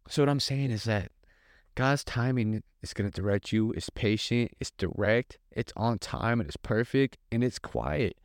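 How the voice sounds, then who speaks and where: A man hosts a casual faith talk, earnest and conversational, stacking repeated phrases like a relaxed sermon. His voice sits in a middle pitch. The sound is close and dry, with no room around it. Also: no echo. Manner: earnest, conversational preaching with repetition. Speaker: podcast host.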